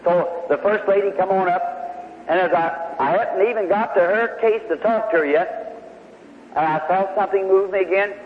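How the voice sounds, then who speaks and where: High-voiced preacher, tinny hall recording. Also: male voice, normal speed. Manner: folksy, homespun storytelling. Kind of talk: sermon testimony storytelling. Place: large hall before a congregation. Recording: tinny old hall recording with faint hiss.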